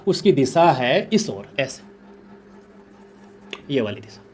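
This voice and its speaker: A man's voice: mid-range voice, big pitch swings, slow pace, darkish tone, a little hiss or hum. A man teaching physics in a lecture, asking his own questions and answering them, repeating key points as he works through them on the board. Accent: Hindi. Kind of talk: classroom lecture explaining on a board.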